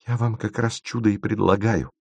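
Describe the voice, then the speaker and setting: A determined young woman who presses her case and slips into cold official phrasing, read by a man. The voice sits low, and the recording is close and dry. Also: fairly even intonation, moderate pace, vocal fry, a little mellow, slightly rough, dry recording. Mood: pleading. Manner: insistent, turning cool and formal. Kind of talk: audiobook reading.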